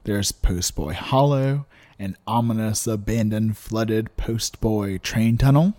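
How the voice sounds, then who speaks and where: A man's voice: fairly low pitch, takes it slowly, warm tone, no room sound. A man co-hosting a podcast, chatting playfully and telling a ghost story. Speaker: podcast co-host. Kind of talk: casual chat.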